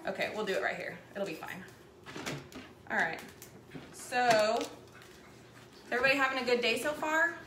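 A woman's voice: a little high, animated, normal speed, long pauses. Chatty woman cooking at home. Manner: chatty and rambling while busy cooking. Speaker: cooking show host. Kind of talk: live cooking demonstration. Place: home kitchen, indoors. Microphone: camera mic at a distance across the counter. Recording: echoey kitchen with background noise.

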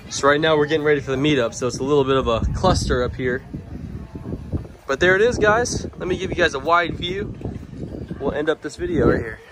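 Speaking briskly in a voice on the high side, a young Louisiana man vlogs his way from an outdoor waterside dock into a small shop. He's upbeat and talks right to his viewers in this casual walkthrough, recorded on a close-held handheld camera against a noisy background.

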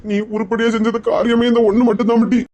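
A woman voicing a grumpy older husband and father-in-law with a Kanyakumari accent, speaking gruffly in a noisy recording. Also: on the high side, flat delivery, fast, dark tone, voice pushed down, close to an everyday voice. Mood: grumbling. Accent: Kanyakumari Tamil.

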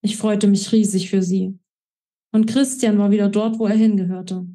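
Mellow-voiced woman reading her novel. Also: medium pitch, normal speed. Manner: expressive first-person narration. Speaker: author.

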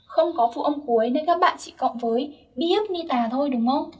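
A woman's voice: sits high, normal speed, a little mellow, recorded from a distance, muffled recording. A young woman teaching Korean grammar step by step, patiently checking that her listeners follow. Her first language is Vietnamese.

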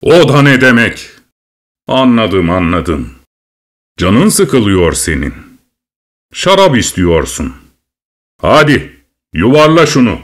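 A man's voice: on the low side, big pitch swings, takes it slowly, pauses often, full character voice. A cruel, taunting king, voiced by a man. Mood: bellowing. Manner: taunting, bullying, bursts into shouts. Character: cruel, mocking drunken male king.

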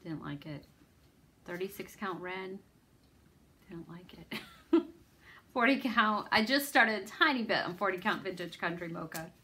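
Slow-talking bright-voiced woman host. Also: mid-range voice, animated, slight background noise. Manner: rambling, self-deprecating, lots of ums and restarts. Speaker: needlework video host. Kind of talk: casual chat showing stitching projects.

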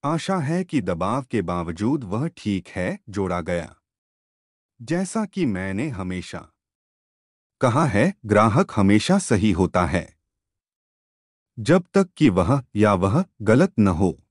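A man reading a news story as a scripted voice-over in a measured way. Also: fairly low pitch, big pitch swings, darkish tone, slightly rough, no room sound, clean studio sound. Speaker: news narrator.

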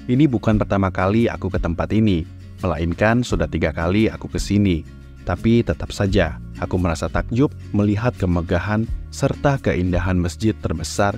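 A man narrating his travel vlog in a calm, reflective scripted voice-over. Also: deep voice, normal speed. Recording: voice-over over loud music.

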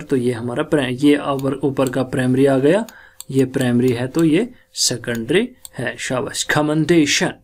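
A man teaching English word stress, sounding out words slowly syllable by syllable and mixing Hindi with English. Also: mid-range voice. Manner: mixes Hindi and English in explanations. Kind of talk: classroom lecture on word stress.

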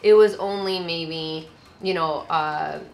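A woman in her thirties chatting casually as a travel vlogger, seated outdoors beside a camper with a relaxed, friendly manner. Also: low-pitched, slow, creaky, a little hiss or hum. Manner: relaxed, friendly, with easy laughs.

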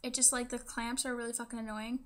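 A woman's voice: fairly high pitch, flat delivery, fast, fairly bright tone. A young woman chatting casually and hesitantly to camera with lots of "like", her speech slightly affected by a new tongue piercing. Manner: hesitant, filler-heavy, peppered with "like". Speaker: vlogger. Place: small room indoors.

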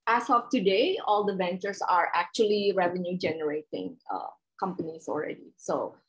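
A woman's voice: fairly low pitch, animated, moderate pace, poor audio. A middle-aged woman, a guest entrepreneur explaining her businesses in a casual interview over a video call, listing things with many fillers. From Indonesia. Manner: explanatory, with frequent fillers and lists. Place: home room.

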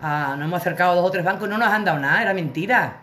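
Bright-voiced woman telling a story. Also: lowish voice, racing. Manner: chatty, colloquial, comic anecdote with acted quotes. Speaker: livestream host. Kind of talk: casual storytelling to viewers. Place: her living room.

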